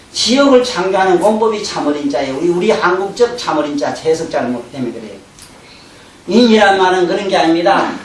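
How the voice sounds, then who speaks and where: Buddhist teacher preaching, loose and lively, echoey room, faint hum behind. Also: mid-range voice. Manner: colloquial, animated, acts out everyday speech, laughs often. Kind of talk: sermon. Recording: roomy hall from a distant mic, faint hum.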